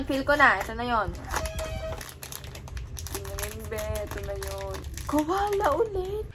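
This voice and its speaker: Excitable woman unboxing toys. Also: on the high side, slow. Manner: excited squeals, mixing Tagalog and English. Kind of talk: casual unboxing chat. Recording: loud background noise.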